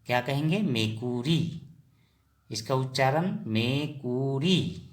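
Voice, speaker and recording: Slow, repetitive man teaching vocabulary. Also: medium pitch. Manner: slow and repetitive, drills each word; asks and answers his own questions. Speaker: language teacher. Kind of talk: vocabulary lesson in Hindi.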